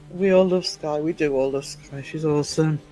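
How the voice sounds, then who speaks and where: A woman's voice: deep voice, mellow. Chatty woman in her fifties. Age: 50s. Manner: rambling, chatty, chuckles often. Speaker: livestream host. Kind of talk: casual livestream chat with viewers.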